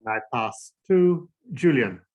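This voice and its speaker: A man introducing himself on a video call, halting, with many fillers. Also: medium pitch, animated, slight background noise.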